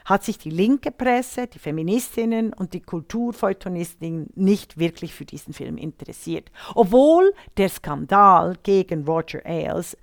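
A woman with a fairly low voice in a dry, close recording. She argues her opinions emphatically in a discussion, halting and repeating phrases to drive them home. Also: lively intonation, no echo. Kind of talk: opinionated discussion of film and media politics.

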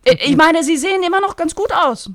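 A woman voicing a blunt woman with cutting humor while reading aloud from a novel, curt and deadpan. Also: very high voice, a little fast, no echo, studio quality, voice pushed up. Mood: dry.

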